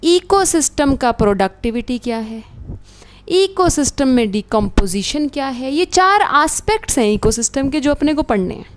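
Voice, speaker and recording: Woman, high bright voice, lively biology teacher, checks in with students. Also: normal speed. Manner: animated, addresses students as beta, asks checking questions. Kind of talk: online exam-prep lecture.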